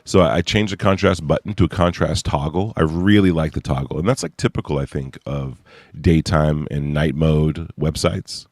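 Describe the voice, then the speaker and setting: In a casual screen-share, a young website creator walks through his site on screen, rambling and thinking aloud. He has a bass voice with a darkish tone and a moderate pace. The sound is clean, studio-like, and echo-free.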